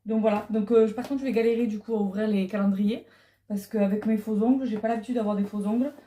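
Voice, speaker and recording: A woman's voice: medium pitch, steady tone, fast talker, dark tone. A middle-aged woman chatting casually on a clip-on mic, hesitant with many fillers. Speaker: vlogger. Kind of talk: casual unboxing chat. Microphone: clip-on lapel mic.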